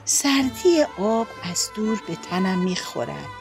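A woman voicing a small, tired dove that speaks softly and plaintively. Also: medium pitch, very animated, creaky, music in the background.

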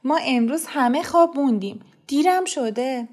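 A woman reader plays a protective mother standing up for her child, her voice pressing and indignant. She argues back with heat but stays softer than her husband, in a storybook reading. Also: high voice, animated, voice pushed up. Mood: pleading, indignant. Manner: pleading then indignant. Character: protective mother, pleading and defiant.

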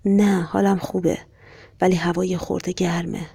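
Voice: mid-range voice, flat delivery, creaky, mellow, breathy edge, no echo. A reader voicing a troubled man traveling home by train, muttering to himself in a story reading. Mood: uneasy. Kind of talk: audiobook reading.

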